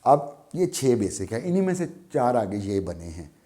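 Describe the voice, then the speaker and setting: A man with a Pakistani Urdu accent teaches a beginner language lesson in a medium-pitched, sing-song, dark-toned voice. He goes slowly and patiently, repeating each sound many times.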